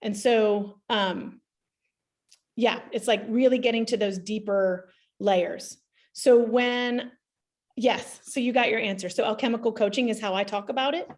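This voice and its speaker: Brief: woman in a live Q&A lesson, slightly high voice, loose and self-correcting delivery. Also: steady tone, a little slow. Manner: chatty, self-interrupting, restarts sentences. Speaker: energy practitioner teaching a class. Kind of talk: live Q&A teaching, casual explanation.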